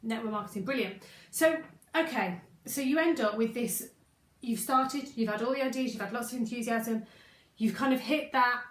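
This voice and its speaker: Woman coach, high-pitched, chatty live stream, echoey room. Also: normal speed. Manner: chatty, rambling, reads out viewer comments warmly.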